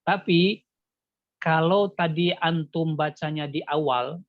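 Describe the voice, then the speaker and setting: A man's voice: on the high side, slow pace, no echo. Man teaching recitation over a dull call. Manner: patient, quizzing the student with repeated questions and "ya". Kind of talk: online one-on-one tajwid lesson. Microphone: video call.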